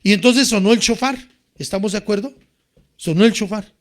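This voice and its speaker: High-voiced preacher, animated. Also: male voice, brisk. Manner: animated, rises to shouting when quoting cries. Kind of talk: sermon.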